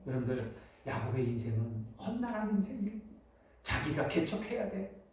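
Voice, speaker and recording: A pastor delivers a Sunday sermon, asking his congregation questions before answering them himself. His voice is on the high side, somewhat mellow, with big pitch swings and a moderate pace. The audio, recorded from afar in an echoey church sanctuary, has slight background noise.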